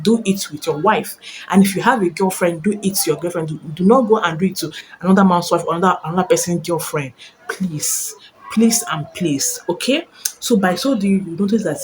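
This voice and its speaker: A woman's voice: lowish voice, slight background noise, poor audio. A woman giving casual step-by-step relationship advice to her viewers, repeating herself often and ending points with a questioning "okay?". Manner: repeats phrases, tags lines with "okay?". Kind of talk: casual instructional talk to camera.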